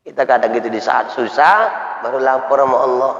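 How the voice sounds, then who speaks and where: A man giving an animated sermon, acting out dialogue and rising to shouts. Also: mid-range voice, fairly quick, highs cut off. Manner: animated, switches voices for characters, rises to shouts. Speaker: preacher. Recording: echoey hall.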